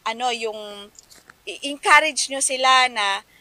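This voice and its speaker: A woman giving a chatty, lively lecture on teaching children, mixing languages and often asking her listeners to agree. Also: on the high side, slow pace, no room sound, rough recording.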